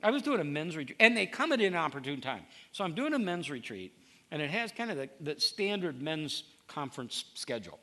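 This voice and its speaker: A man's voice: on the high side, sing-song, brisk, fairly bright tone. A middle-aged male pastor preaching in a conversational way, telling stories and acting out quoted dialogue, with frequent restarts. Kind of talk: conversational sermon.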